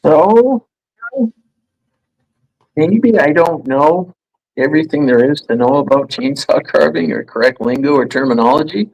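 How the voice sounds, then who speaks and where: A man who carves with a chainsaw, explaining his craft in a casual, halting way on a live stream. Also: a little high, vocal fry, darkish tone, rough recording. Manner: hesitant, many restarts and fillers.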